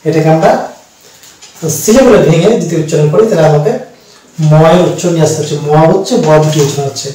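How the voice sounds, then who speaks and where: A man's voice: a little high, mellow, far from the mic. Bengali-accented man teaching, echoey room. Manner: slow, with frequent hesitations and spelled-out letters. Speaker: English teacher. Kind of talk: explanatory lesson. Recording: echoey room, voice a bit off mic.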